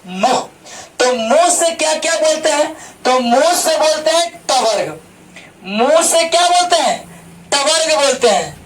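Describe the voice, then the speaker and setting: A man's voice: extremely high pitch, expressive, a little slow. A man teaching an online class, drilling each point with repeated rhetorical questions. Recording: distant mic with faint background noise.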